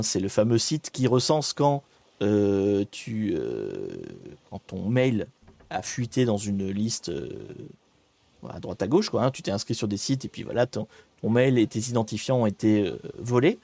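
A man's voice: mid-range voice, a little mellow, dry recording. A man hosting a casual live stream, chatting to viewers with frequent hesitations and restarts.

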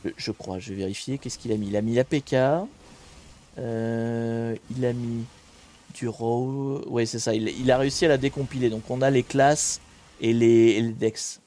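A man's voice: medium pitch, fairly even intonation, moderate pace, dark tone. Man, casual streamer; chatty, opinionated commentary delivered off the cuff to his audience. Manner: conversational and opinionated, thinking aloud. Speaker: streamer talking about cybersecurity.

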